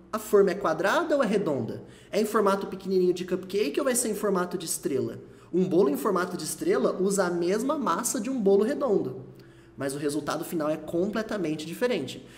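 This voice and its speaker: Lively Brazilian man teaching English sounds. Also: high-pitched. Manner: lively, demonstrates English words slowly and repeatedly. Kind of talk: casual video lesson.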